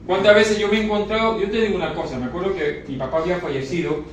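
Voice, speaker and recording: Emotional male preacher, high voice, repeats himself, heard from afar in a very echoey room. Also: steady tone, very fast. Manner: emotional, repeats phrases, asks the congregation questions. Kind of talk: sermon. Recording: echoey room, recorded from far off, faint noise.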